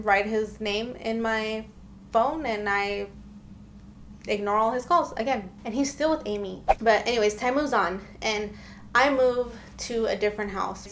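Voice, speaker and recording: Young woman, chatty and emphatic vlog storytime, faint hiss behind her. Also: mid-range voice. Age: young adult. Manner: chatty and emphatic, often addressing viewers. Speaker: storytime vlogger. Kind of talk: casual storytime.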